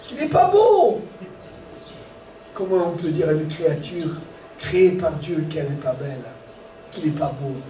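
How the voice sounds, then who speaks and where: A man preaching a sermon as pastor, animated, acting out little scenes and shouting warnings. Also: on the high side, moderate pace, a little hiss or hum. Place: church hall. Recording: echoey church room from far off, faint ambience.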